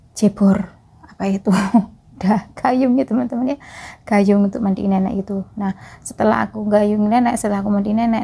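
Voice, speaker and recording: A woman's voice: medium pitch, creaky, warm tone. A woman from East Java, a migrant caregiver chatting casually to her viewers in a vlog and often calling them friends. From East Java, Indonesia.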